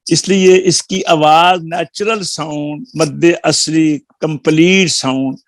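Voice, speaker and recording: A man's voice: a little high, steady tone, no echo. Patient male Quran teacher, dry close sound. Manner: slow, deliberate spelling-out of sounds and syllables; patient explaining, repeats key points. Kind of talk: recorded online lesson.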